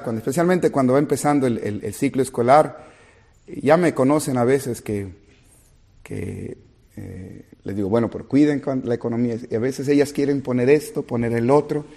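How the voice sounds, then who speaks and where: Pastor guy preaching, kinda husky voice, mid pitch, gets loud then drops real soft. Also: a little slow. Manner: earnest, rising to loud emphatic peaks then dropping soft and low. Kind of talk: sermon.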